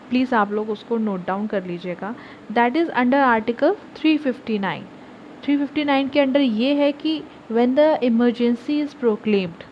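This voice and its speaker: A young woman giving a law lecture to her viewers, explaining step by step and switching between Hindi and English legal terms. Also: a little high. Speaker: law teacher. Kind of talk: online lecture. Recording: slightly dull audio with faint background noise.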